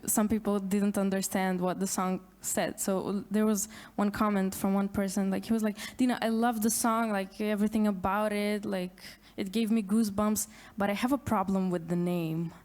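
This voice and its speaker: A woman musician speaking on a conference panel, a native Macedonian speaker talking in English, halting, with many restarts. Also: medium pitch, steady tone, a little mellow.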